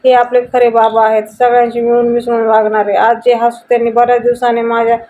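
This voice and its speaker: A woman voicing a gentle young wife who speaks softly and earnestly. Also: on the high side, monotone, fast talker, slight background noise, natural voice. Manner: soft, earnest. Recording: dull lo-fi audio.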